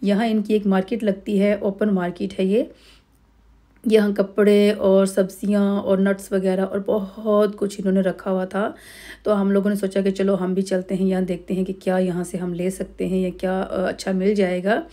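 Here a vlogger, a middle-aged woman from Pakistan, comments on clips of her family's holiday. Her medium-pitched voice drifts along easily, broken up by many pauses and fillers.

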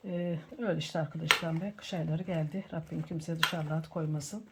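A middle-aged woman hosting a home cooking tutorial from her kitchen, greeting viewers warmly as friends. She sounds slightly under the weather from a cold. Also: low-pitched, fairly even intonation, fairly quick, heavy background noise. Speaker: cooking channel host.

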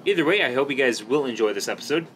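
A man's voice: mid-range voice, expressive, rapid-fire, fairly bright tone. A man hosting a gaming video, giving casual, slangy and enthusiastic commentary over his gameplay. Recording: background noise under the voice.

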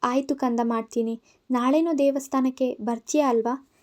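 A woman voicing a gentle, loving elderly mother in an audio story, speaking softly and tenderly. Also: high voice, steady tone, moderate pace, lightly acted.

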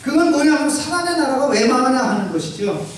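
A man preaching a sermon in short emphatic phrases, pausing for an interpreter, on a handheld mic in a church hall. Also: extremely high pitch, sing-song, a little hiss or hum. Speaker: pastor. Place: large church hall, indoors. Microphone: handheld mic, filmed by far camera. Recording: echoey hall from far off.

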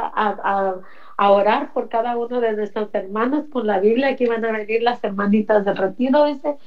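A middle-aged woman, giving a personal faith testimony in an earnest, repetitive storytelling manner. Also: medium pitch. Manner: earnest, repetitive retelling with many quoted exchanges. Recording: dull lo-fi recording.

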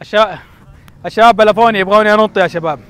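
A man with a Gulf Arabic accent giving excited, shouting live commentary on off-road driving, recorded outdoors at sand dunes on a handheld camera. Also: sits high, racing, clear, resonant tone. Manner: shouting, cheering, teasing drivers. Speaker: channel host filming from the crowd.

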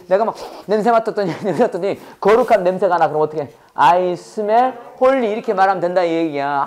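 A man's voice: sits high, a little mellow. A man teaching an English lesson to a class, drilling students with constant questions and exaggerated pronunciation. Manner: drills students with repeated call-and-response questions.

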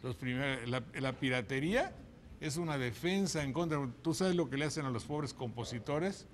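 A man's voice: mid-range voice, animated, moderate pace, a little hiss or hum. An older man hosting a TV studio program, talking emphatically with many restarts on a lapel mic. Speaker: TV host. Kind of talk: opinionated studio chat. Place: TV studio set, indoors.

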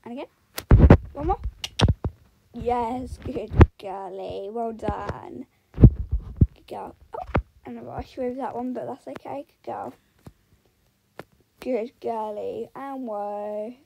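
Talking slowly with vocal fry and long pauses, a young woman with a rather high voice narrates her ride vlog-style in a voiced role-play video. She interrupts herself to murmur praise and short calming commands to her horse, over a very noisy recording.

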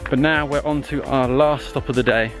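At a moderate pace and in a mid-range voice, a young adult travel vlogger narrates to his arm's-length camera while music plays. The setting shifts between a desert rock site and a campervan, and his manner is easygoing and chatty, hesitant, with fillers.

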